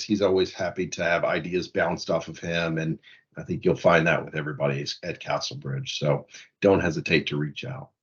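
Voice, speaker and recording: A man with a very deep voice speaks for his consulting firm in a business webinar. He talks haltingly, repeating words and filling pauses. The audio is muffled and lo-fi. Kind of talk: casual business webinar talk.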